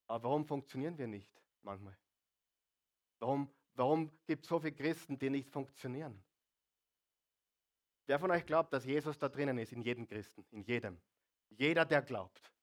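A man preaching a sermon to a congregation, throwing out rhetorical questions and jokes, swinging between loud and quiet. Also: mid-range voice, normal speed, long pauses. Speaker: pastor.

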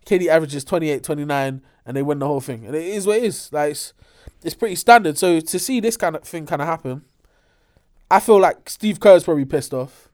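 A young man with a London accent in a casual, animated sports debate, slangy and emphatic. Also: on the high side, fairly quick. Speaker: sports talk show co-host. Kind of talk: casual basketball debate among friends.

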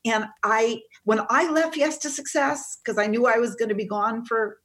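A middle-aged woman, a seminar teacher, telling a personal story in conversation, animated and emotional. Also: fairly high pitch, normal speed.

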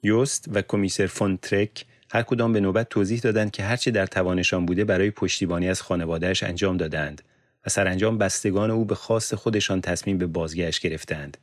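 Male audiobook narrator, low-pitched, steady measured reading, dry close studio sound. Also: no echo.

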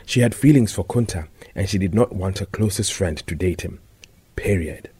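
A man reading a story aloud in a measured, scripted narration. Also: deep voice, dark tone, slightly rough.

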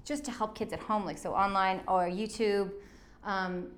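A woman's voice: medium pitch, fairly even intonation, normal speed. A woman who teaches children drama, chatting casually and enthusiastically as an interview guest. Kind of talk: casual chat.

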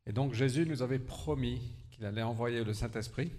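A man preaching a sermon in short phrases, pausing for an interpreter, with an earnest, slightly halting delivery. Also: mid-range voice, darkish tone.

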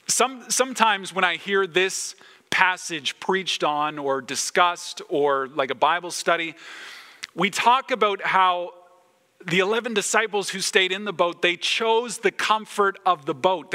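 Pastor, male, earnest emphatic sermon delivery, higher-pitched bright voice, long hall reverb. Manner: earnest, emphatic preaching with dramatic pauses.

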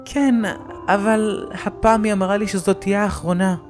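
A man voicing a timid, anxious little girl in a horror story, speaking softly and stammering. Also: high voice, flat delivery, over music, pitched above the performer's own voice, close to an everyday voice. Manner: soft, hesitant, stammering.

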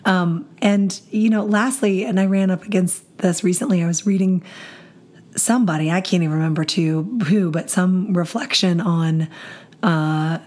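A woman pastor talks casually on a podcast in a hoarse, raspy voice that has nearly given out. She sits low for a woman and keeps a wry, talkative manner. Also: steady tone, moderate pace, darkish tone. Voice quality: raspy, husky from voice loss.

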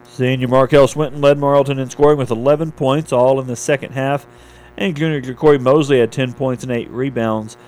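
A male radio anchor delivers a scripted local newscast at a middling pitch. He reads like a small-station morning host covering sports and weather, with noticeable hum and noise behind him. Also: fairly even intonation, brisk, a little mellow, rough recording. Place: radio studio.

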